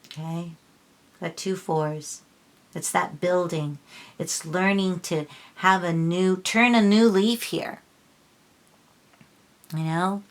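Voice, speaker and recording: Slow, earnest woman reading tarot. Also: fairly low pitch, steady tone. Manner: earnest, preachy, repeats herself, restarts sentences. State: emotional, near tears. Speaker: tarot reader. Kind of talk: casual tarot reading vlog.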